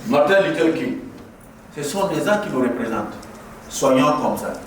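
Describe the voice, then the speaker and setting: At a mosque inauguration, a guest speaker from Burkina Faso, a middle-aged man, delivers an impassioned ceremonial sermon built on repetition. His fairly high, animated voice runs at normal speed over a background crowd, recorded distantly in a large, heavily echoing prayer hall.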